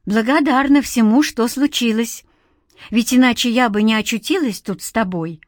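A woman's voice: a little high, animated, a little slow, no echo, studio quality. A woman voicing a playful, affectionate young woman in an audiobook. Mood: earnest. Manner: teasing, coaxing. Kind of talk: audiobook character voice.

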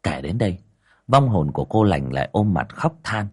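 A male narrator reading a ghost story aloud with dramatic, expressive delivery. His voice is low and slightly husky, rising and falling widely as he builds tension. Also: normal speed. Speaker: audiobook narrator. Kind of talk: scripted horror story narration.

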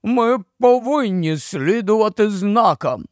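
A man voicing a slow, grave marsh-wiggle. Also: sits high, expressive, dry recording, studio quality, pitched above the performer's own voice. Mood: grim resolve. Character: gloomy, solemn male marsh-wiggle.

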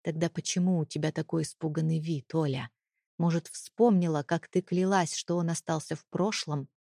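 A woman voicing a cold, threatening husband in an audiobook, speaking in low hissed threats. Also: steady tone, moderate pace, vocal fry, mellow, dry recording, studio quality. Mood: menacing.

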